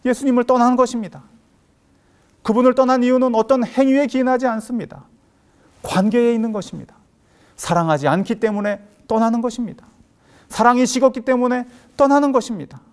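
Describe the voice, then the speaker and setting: A man preaching an earnest sermon as a pastor, swinging between loud emphatic lines and hushed quiet ones, with playful asides. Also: very high voice, brisk, clean tone. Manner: playful asides in spoken regional dialects.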